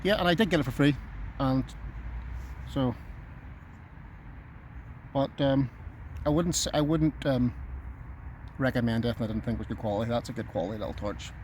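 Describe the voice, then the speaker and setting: In a rough recording with clear outdoor noise from a nearby road, a man vlogs from his tent, chatting to camera in a relaxed, rambling way as he thinks aloud. His mid-range voice is steady and darkish, at a moderate pace with long pauses.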